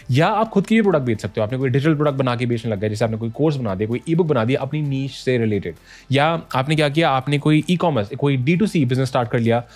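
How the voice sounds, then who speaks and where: A man's voice: mid-range voice, a little mellow. A man in a casual, conversational explainer style, mixing English phrases into his talk and checking in with listeners often. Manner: conversational, mixes English phrases, frequent "thik hai?" check-ins. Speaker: online business educator.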